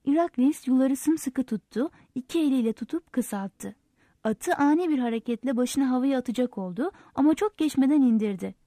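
A woman reads a novel aloud as the narrator, in a steady, measured way. Her voice sits fairly high but has a mellow, soft tone. The sound is close and dry. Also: dry recording. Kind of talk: audiobook narration.

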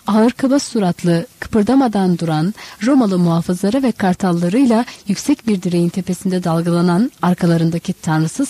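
A woman reading a novel aloud as audiobook narrator, measured and expressive. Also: on the low side, breathy edge, no room sound.

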